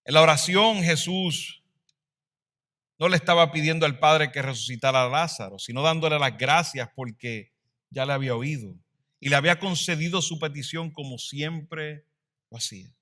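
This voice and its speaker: Man, pastor, sermon, bright forceful tone, slightly high voice, swells and hushes. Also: normal speed. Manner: dynamic preaching, swells louder then drops to a hush.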